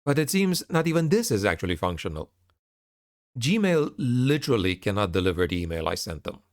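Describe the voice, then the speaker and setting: A man with a fairly low voice speaks candidly to his online audience. His delivery is frustrated and sardonic, like a creator airing a grievance in an update. The sound is dry, with hardly any room around it. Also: no echo. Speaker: online narrator and content creator. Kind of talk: candid spoken channel update to viewers.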